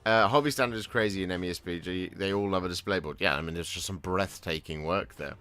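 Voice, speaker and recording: A man's voice: sits low, fast talker, fairly bright tone, smooth. A man chatting casually on his hobby vlog, rambling with lots of restarts and fillers. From England. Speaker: hobby vlogger. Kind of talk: casual chat while painting miniatures.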